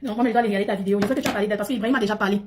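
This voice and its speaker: A woman's voice: mid-range voice, fairly even intonation, very fast, background noise. A woman hosting a casual livestream chat in an emphatic, talkative way, often repeating her phrases. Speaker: livestream host.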